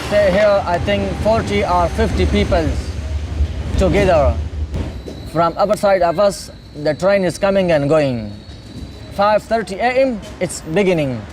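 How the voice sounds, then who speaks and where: A man from Afghanistan, telling his story as a refugee in halting, simple English with many pauses. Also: high-pitched, noisy background. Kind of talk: documentary interview.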